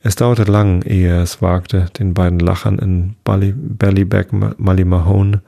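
Podcast guy reading a fairy tale, really low and creaky, dark husky sound. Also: level tone, moderate pace, no echo, clean studio sound. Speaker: podcast host and storyteller.

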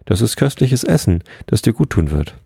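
A man's voice: lowish voice, very animated, normal speed, creaky, mellow, husky, no echo, clean studio sound, voice pushed up, exaggerated voice. A man voicing an eager male crow who offers gifts to his leader, in a read-aloud storybook. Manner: eager, pleading.

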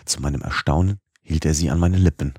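A man narrates an audiobook in a measured, expressive way. His voice is extremely deep and husky. The recording is dry and close, with no room sound. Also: no room sound.

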